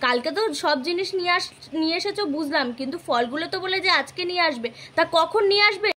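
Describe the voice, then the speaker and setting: A woman's voice: very high voice, expressive, quick pace, sharp tone, full character voice. A woman playing a bossy housewife who scolds her husband while getting ready for a puja. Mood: scolding.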